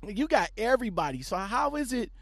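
A man hosting a casual podcast interview, hyping up his guest with excited, repetitive phrasing. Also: very high voice, a little fast, creaky, crowd noise. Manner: animated, repetitive hype-man delivery. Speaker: podcast host.

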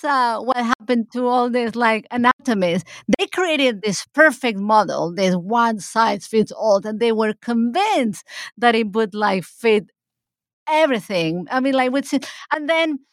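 A woman history professor answering interview questions, talking in halting bursts with many restarts and fillers. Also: a little high, dry recording. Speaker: history professor, guest author.

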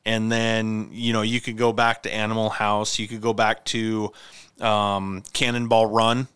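A man's voice: fairly low pitch, little pitch movement, a little slow, a bit bright, smooth, dry recording. A man in his forties from Montana, hosting a casual podcast chat about movies in an easygoing, rambling way. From Montana, USA. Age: 40s. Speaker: podcast host.

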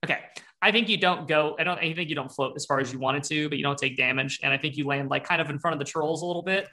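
A man's voice: on the high side, quick pace, sharp tone. A man running a tabletop game as game master, narrating loosely with lots of fillers and restarts.

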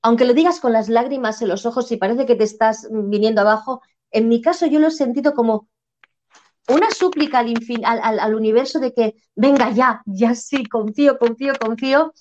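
Spanish woman, reflective spiritual talk guest, higher voice, muffled lo-fi audio. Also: brisk, darkish tone. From Spain. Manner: earnest, reflective, repeats phrases for emphasis. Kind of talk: spiritual conversation. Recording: dull lo-fi sound.

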